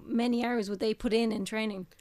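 A woman's voice: fairly high pitch, fairly even intonation, brisk, darkish tone. A woman interviewer asking casual questions and encouraging her guests with frequent "mm-hmm"s. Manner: friendly, encouraging, many backchannel "mm-hmm"s.

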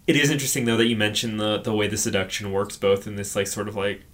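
A woman's voice: rumbling low, quick pace. Sardonic, chatty woman co-host. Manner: chatty and sardonic, filler-heavy with "like" and "um". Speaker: podcast co-host. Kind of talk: casual chat.

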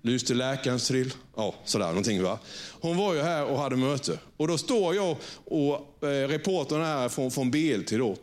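A man's voice: mid-range voice, lively intonation, a little mellow. A pastor preaching to his congregation in a conversational way, often checking for agreement and restarting his sentences. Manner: frequent restarts and repeated words. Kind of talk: sermon. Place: church before a congregation.

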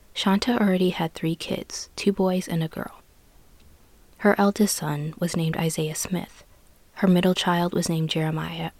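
Low-pitched woman narrating true crime. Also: a little mellow, dry recording.

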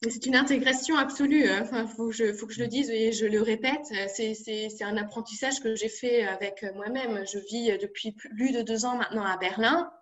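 A woman's voice: a little high, steady tone, moderate pace, few pauses, fairly bright tone. A young woman from France, a guest in a casual interview, talking hesitantly with many fillers and restarts.

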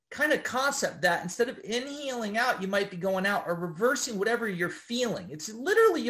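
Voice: mid-range voice, fairly bright tone. Rambling casual instructor, constant okay checks. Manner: rambling, with frequent tag questions of okay; loose and informal, with occasional swearing.

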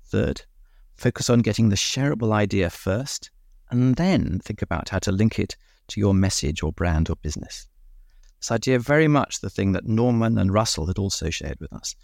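A man hosting a podcast, reading a measured, reflective scripted summary with rhetorical asides. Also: on the low side, animated, gravelly, darkish tone, no room sound, studio quality. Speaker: podcast host.

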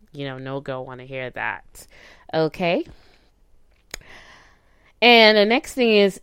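A woman podcast host talks casually to her listeners in a low, smooth voice. She gives advice conversationally, often checking in with little tag questions, and the sound is close and dry. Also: no room sound.

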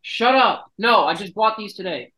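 A man's voice: high voice, animated, moderate pace, sharp tone, rough recording. A man hosting a casual podcast chat, brash and joking, swearing often, while feeling sick and nauseous. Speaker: podcast host.

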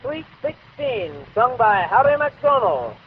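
A man singing a sentimental ballad with sustained, drawn-out phrases, heard on a scratchy century-old recording with a band behind him. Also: extremely high pitch, very animated, lo-fi sound.

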